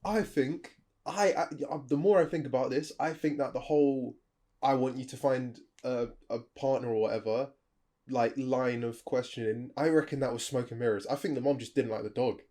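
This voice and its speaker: Animated swearing male podcast co-host. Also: medium pitch, moderate pace. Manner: animated, swears, acts out quoted voices. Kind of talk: casual advice chat.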